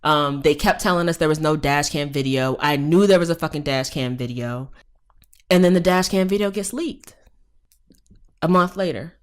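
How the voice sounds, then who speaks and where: A woman in her thirties with a low-pitched voice speaks as a guest on a podcast interview. She tells her story candidly and emphatically, swearing freely and building to forceful rhetorical questions. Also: moderate pace. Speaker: professor guest.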